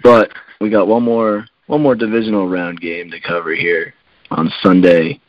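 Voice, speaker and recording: A man co-hosting a casual sports podcast, relaxed and hedging, with lots of fillers. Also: low voice, moderate pace, no room sound, dull audio. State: coughing. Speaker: podcast co-host.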